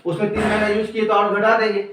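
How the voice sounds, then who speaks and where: A man's voice: high-pitched, monotone, fast, noisy background. A male teacher giving a classroom accounts lesson, quizzing students and repeating their answers back. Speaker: commerce teacher. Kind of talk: classroom lecture. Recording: echoey room, mic far off.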